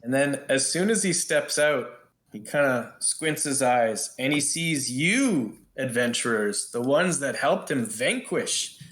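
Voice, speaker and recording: A man narrating as game master, telling the scene slowly and voicing the townsfolk. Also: mid-range voice, lively intonation, fairly bright tone, roomy sound. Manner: slow, storytelling narration with voiced townsfolk.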